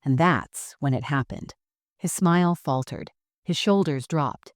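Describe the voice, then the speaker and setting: Calm, low-voiced woman storyteller. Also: no echo, studio quality. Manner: calm, measured, composed. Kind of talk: first-person story narration.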